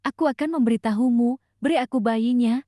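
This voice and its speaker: A firm young husband, read out by a woman narrating a drama recap. Her voice stays high and mellow, with no attempt to deepen it. The sound is dry and close. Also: brisk, no room sound, natural voice. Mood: insistent.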